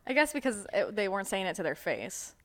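A woman's voice: medium pitch, sing-song, a little fast, fairly bright tone. A woman co-hosting a podcast in easygoing casual chat, explaining things at length with many "like" and "um" fillers. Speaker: podcast co-host.

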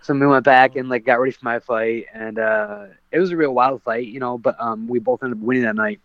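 A man's voice: mid-range voice, expressive, fairly quick, vocal fry, no echo. Rambling man telling a story, dry lo-fi sound. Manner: rambling, many fillers and restarts. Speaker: guest, professional MMA fighter. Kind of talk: casual podcast storytelling.

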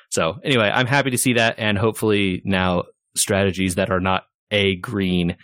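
A man co-hosting a podcast, chatting casually about gaming news in a relaxed, rambling way. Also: lowish voice, normal speed, dry recording, clean studio sound. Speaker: podcast co-host.

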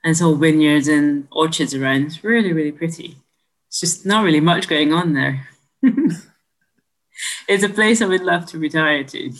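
A woman's voice: low-pitched, moderate pace, pauses often, poor audio. Upbeat young woman from Hungary. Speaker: podcast guest. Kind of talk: casual chat.

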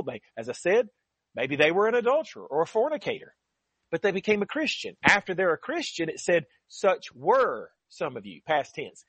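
Husky male radio Bible teacher, earnest and emphatic, lively rising pitch, dry close mic. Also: dry recording. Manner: earnest, emphatic preaching with scripture readings.

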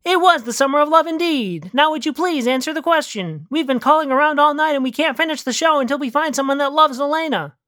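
Reader doing an older radio host guy, polite but pushy, kinda formal, pitched up a bit, dry close audio. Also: lively intonation, quick pace, few pauses, bright, forceful tone, no room sound. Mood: insistent. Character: persistent older male late-night radio host. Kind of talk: storybook reading.

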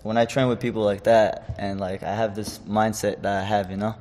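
A man's voice: lowish voice, little pitch movement, brisk, a little mellow, big-room sound, a little hiss or hum. A man in his twenties from Chechnya, a fighter talking casually in an interview, rambling with many fillers and restarts. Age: 20s. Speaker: guest, amateur fighter.

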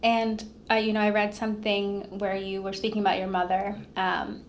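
A woman hosting a podcast, asking her guest personal questions in an engaged, conversational way with quick affirmations. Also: mid-range voice, little pitch movement, slight background noise. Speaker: podcast host. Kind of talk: casual podcast interview.

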